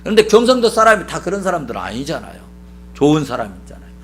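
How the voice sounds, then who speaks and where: Animated high-pitched preaching pastor. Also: male voice, fast, faint music behind. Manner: emphatic preaching with rhetorical questions and repetition. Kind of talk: sermon.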